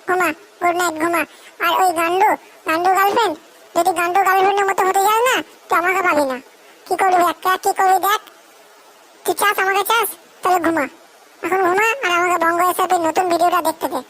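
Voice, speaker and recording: A woman doing a snippy girlfriend in a comedy skit, very high voice, brushes him off, quick scolding comebacks. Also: fairly even intonation, a bit bright, slight background noise. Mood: irritated. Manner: brusque, scolding, rapid retorts. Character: impatient young girlfriend, snappy and dismissive. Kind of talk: comedy sketch acting.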